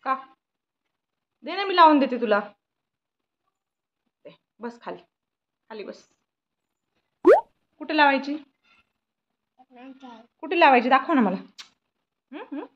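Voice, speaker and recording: A woman's voice: high voice, lively intonation, takes it slowly, long pauses, dull audio. Sing-song young woman coaxing a toddler. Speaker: vlogger. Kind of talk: playful chat with a toddler.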